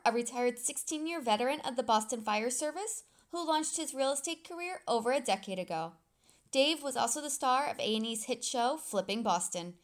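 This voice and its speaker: A woman announcer reading a scripted episode introduction in a smooth, even way. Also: high-pitched. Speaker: show announcer.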